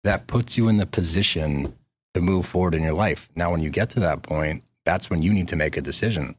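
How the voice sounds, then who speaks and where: A man's voice: deep voice, a little fast, a little hiss or hum. A man talking as a podcast guest, telling stories in a laid-back, slangy way. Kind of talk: casual conversation.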